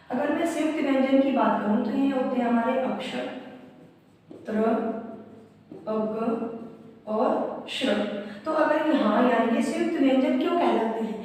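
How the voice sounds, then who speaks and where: A woman's voice: high voice, darkish tone, slight background noise. Echoey teacher woman explaining from afar. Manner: repetitive, asks and answers own questions. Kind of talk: exam-prep grammar lesson. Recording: echoey room, voice from a distance.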